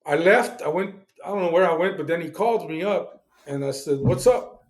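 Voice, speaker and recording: A man's voice: on the high side, a little fast. A middle-aged man, a Navy veteran guest, telling his service story in a blunt, casual way, with swearing and acted-out dialogue.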